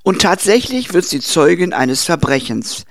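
A man's voice: high voice, very animated, unhurried, a loud crowd. Man narrating a film review. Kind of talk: scripted narration.

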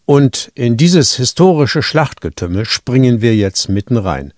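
A man presenting a scripted book review, explaining things in a clear way. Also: mid-range voice, big pitch swings, measured pace, a little mellow, no echo.

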